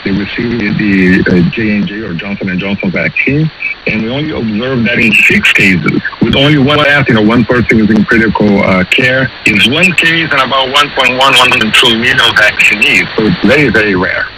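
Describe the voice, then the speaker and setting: A man's voice: on the low side, moderate pace. A man explaining as an expert guest in a radio interview, hesitant and searching for words. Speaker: virology professor, interview guest. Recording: very noisy radio feed.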